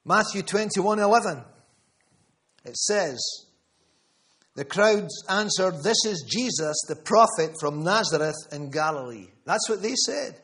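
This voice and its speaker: A man's voice: sits high, lively intonation, a little slow, a bit bright. A man preaching a sermon to a room, emphatic, repeating key phrases and calling on listeners by name. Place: church gathering room.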